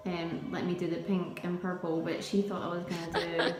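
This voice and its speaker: A woman's voice: fairly low pitch, level tone, a little fast. Woman, nail technician, live lesson, chatty and teasing, echoey room, faint music behind. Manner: chatty, teasing, quizzes her viewers. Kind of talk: live tutorial chat.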